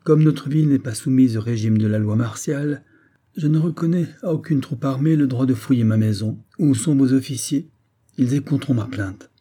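A man's voice: mid-range voice, normal speed, mellow, voice pushed up, natural voice. A man voicing a proud young Saxon officer who speaks in a commanding, indignant way. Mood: stern.

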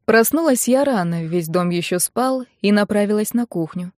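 A woman narrating a first-person audiobook in a calm, intimate storytelling manner. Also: medium pitch, normal speed, no echo, studio quality.

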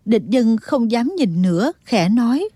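A woman reads a martial-arts audiobook in a steady, dramatic storytelling manner. Her voice sits fairly high and sounds close and dry, with no room around it. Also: unhurried, dry recording. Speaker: audiobook narrator. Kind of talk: dramatic scripted narration.

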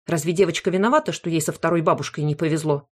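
A woman voicing a fussy, loud old grandmother in an audiobook, who is indignant and blames everyone else. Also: deep voice, fast. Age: older. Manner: indignant, bossy, blames others. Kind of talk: audiobook character voice.

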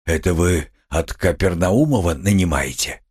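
A man's voice: sits low, expressive, measured pace, slightly rough, full character voice. A man playing a brooding, gloomy young man who speaks curtly. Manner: curt, gloomy, softening at times.

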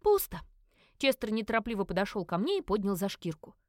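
A woman narrating a first-person fantasy audiobook in a lively, indignant, comic manner. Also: medium pitch, a little fast, no room sound, studio quality.

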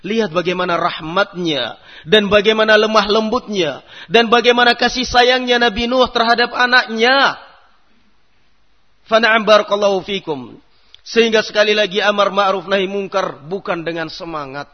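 A man preaching a sermon in a mosque, animated, acting out the voices of parents and children in his stories. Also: sits high, moderate pace, dull audio. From Indonesia.

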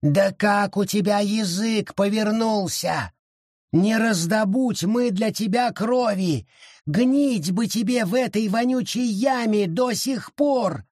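Wild forest creature, small and hostile, growling, very high, slow and drawn out, audiobook voice. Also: male voice, dry recording, clean studio sound, exaggerated voice. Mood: menacing. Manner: growling, spiteful, shouting threats. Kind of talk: audiobook character voice.

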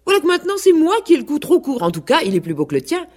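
A woman's voice: very animated, very fast, husky. A woman voicing a vain, boastful rooster in a radio play, sneering and insolent. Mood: vexed, sneering. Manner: insolent and sneering, shrill when angry.

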